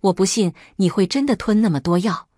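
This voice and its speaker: A woman narrating a first-person story in a steady, scripted reading. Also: medium pitch, brisk, no room sound, clean studio sound.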